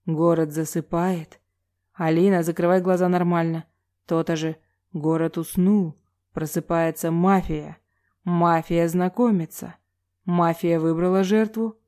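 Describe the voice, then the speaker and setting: A woman voicing a young man hosting a party game in a slow, mysterious half-whisper. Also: on the low side, steady tone, warm tone, close to an everyday voice.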